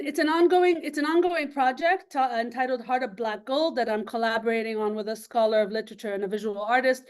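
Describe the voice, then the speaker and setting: Woman, anthropology lecturer, video call, somewhat high pitch, thoughtful, frequent ums and restarts. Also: darkish tone. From Lebanon. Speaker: anthropology professor giving a seminar talk. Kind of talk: academic seminar talk.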